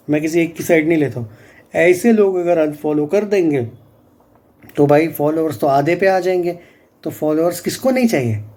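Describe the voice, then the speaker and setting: A man's voice: sits high, dark tone. A young man giving blunt, argumentative opinions to his viewers in a casual vlog. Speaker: YouTube reviewer.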